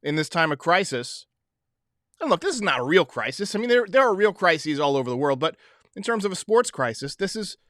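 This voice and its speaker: A man's voice: sits high, very animated, fairly quick, a bit bright, dry recording, clean studio sound. A man hosting a sports podcast, giving emphatic, opinionated commentary in a casual way, talking straight to listeners.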